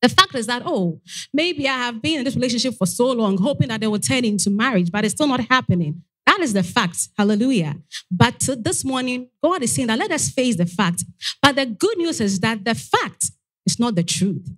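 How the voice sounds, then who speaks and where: A young woman preaching an earnest sermon into a handheld mic in a church, often pausing on "Amen". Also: on the high side, expressive, a bit bright. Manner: earnest exhortation with frequent "Amen". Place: church sanctuary stage.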